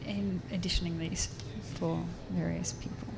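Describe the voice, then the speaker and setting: This radio interview guest is an Australian university professor and artist, talking over crowd noise at a busy public fair. She speaks at a normal speed in a fairly low, level voice with some vocal fry, laughing frequently and restarting sentences as she chats.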